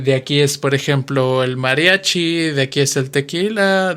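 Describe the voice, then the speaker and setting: In a clean, mid-range voice with a bit of brightness, a twenties-aged man from western Mexico hosts a podcast. The Spanish teacher, who has a Mexican Spanish accent, gives a slow explanatory monologue, patiently illustrating points with examples.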